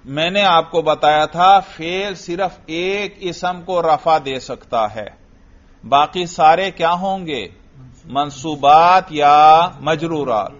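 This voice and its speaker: A man teaching a grammar class, patient and coaxing. He quizzes his student and echoes each answer back. His voice sits a little high, and the lo-fi recording sounds dull. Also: fairly bright tone.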